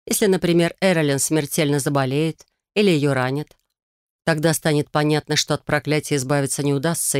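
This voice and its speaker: An audiobook narrator reading a first-person story in an even, measured way, close to the mic. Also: medium pitch, smooth, no echo.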